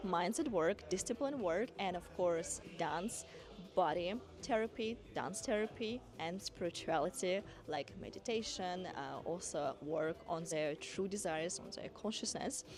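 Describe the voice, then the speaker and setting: A Kazakh woman who owns a dance school and coaches women speaks earnestly to camera, giving an encouraging motivational talk. Her voice is lowish, her English shows small non-native grammar slips, and music plays in the background.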